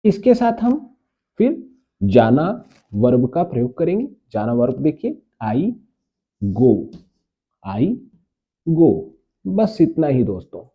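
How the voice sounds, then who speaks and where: A man's voice: mid-range voice, big pitch swings, slow, pauses often. A man teaching a spoken grammar lesson to viewers, repeating words and spelling them out letter by letter, calling his viewers friends. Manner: addresses viewers warmly as friends. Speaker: English teacher. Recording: tinny phone-like audio.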